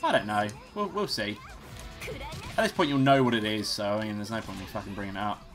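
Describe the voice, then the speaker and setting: A man's voice: on the low side, fast talker, fairly bright tone. A young man hosting a let's play, giving casual, rambling gameplay commentary and swearing freely. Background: game music.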